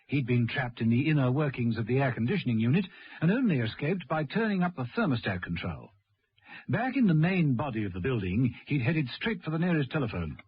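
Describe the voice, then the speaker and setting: On a dull-sounding radio recording, a man plays the wry, dramatic narrator of a radio serial, reading scripted lines as an arch storyteller addressing the hero. His medium-pitched, husky voice is very animated and a little fast.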